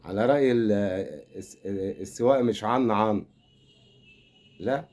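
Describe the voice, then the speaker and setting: A man's voice: medium pitch, a little slow, a little mellow. An older man with an Egyptian accent, rambling and teasing through a comic football rant. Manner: rambling, teasing, mock-consoling. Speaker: football fan commentator.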